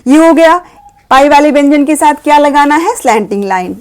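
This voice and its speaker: A woman patiently explaining a grammar lesson to parents, slowly sounding out letters. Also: high-pitched, lively intonation, a little mellow. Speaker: teacher guiding parents.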